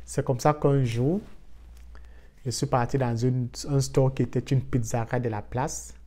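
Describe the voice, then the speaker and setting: A man from Africa telling a casual personal story for his vlog in a lively way, dropping in English words. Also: mid-range voice, unhurried. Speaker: vlogger.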